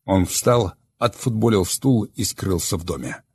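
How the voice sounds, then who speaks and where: A man narrating an audiobook in an expressive storytelling voice. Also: low voice, measured pace, breathy edge.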